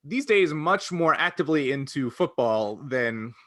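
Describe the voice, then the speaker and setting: In a dry, clean studio recording, a man with a fairly high, lively and fairly bright voice speaks at a measured pace. Co-hosting a podcast, he shares personal memories casually, hesitating, rambling and circling back on his own sentences.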